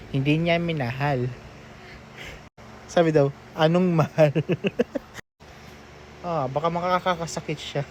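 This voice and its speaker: A man's voice: fairly high pitch, a little hiss or hum. Teasing man hosting a reaction video. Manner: teasing, laughs often, mock-scolding. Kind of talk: casual reaction commentary reading out posts.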